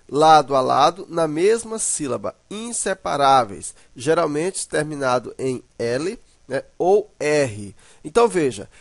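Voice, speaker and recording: A man's voice: a little high, dry recording. A man teaching a grammar lesson, pointing to examples and often checking in with his students. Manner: repetitive, checks in with "né" and "ó".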